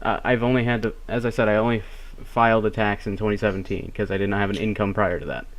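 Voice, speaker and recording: A man's voice: on the low side, steady tone, fast talker. A nineteen-year-old man talking casually on the phone, giving plain, brief, somewhat hesitant answers. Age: late teens (19). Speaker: person receiving the phone call. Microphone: telephone call.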